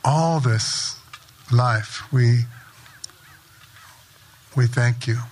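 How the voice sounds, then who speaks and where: A man leading a sunrise ceremony outdoors, giving a spoken blessing in a slow, measured, invocational way. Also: mid-range voice, a little mellow, a little hiss or hum. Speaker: ceremony prayer leader.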